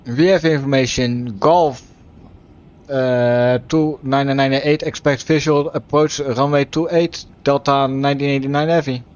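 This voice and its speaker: A man making pilot radio calls in clipped aviation phrasing, reading back clearances with small hesitations, slightly muffled. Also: medium pitch, steady tone, unhurried, a little mellow. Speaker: flight sim streamer.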